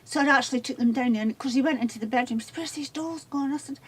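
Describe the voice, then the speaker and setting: A woman's voice: fairly high pitch, steady tone, rapid-fire, husky. A woman in her seventies chatting casually at home on camera, rambling, gossipy and self-deprecating. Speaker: interviewee.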